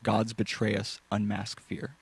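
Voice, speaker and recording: A man's voice: lowish voice, monotone, a little slow, husky. A man doing casual let's play commentary, musing and thinking aloud as he goes. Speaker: gaming commentator.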